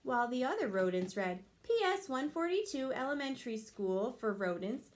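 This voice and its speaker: A woman teacher reading a picture book aloud to her class and explaining the lesson, with expressive storytelling. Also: high-pitched.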